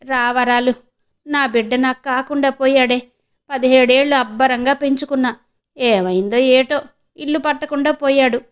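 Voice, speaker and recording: A woman's voice: high-pitched, fairly even intonation, normal speed, clean tone, pitched above the performer's own voice, natural voice. A woman voicing a middle-aged village mother who laments and reproaches in rustic speech. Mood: grieving.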